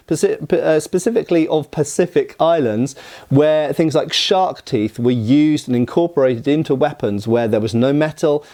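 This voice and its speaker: A man's voice: fairly high pitch, warm tone. A man, enthusiastically explaining what makes a weapon design work, in a discursive commentary style. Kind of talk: explanatory commentary on game art.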